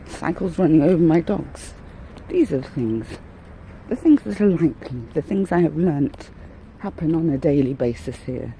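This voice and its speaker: Woman, out of breath, very mellow dark tone, rambling wry chat, walking outdoors, faint ambience behind. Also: deep voice, lively intonation, normal speed, slight background noise, poor audio. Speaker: vlogger. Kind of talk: casual walking monologue.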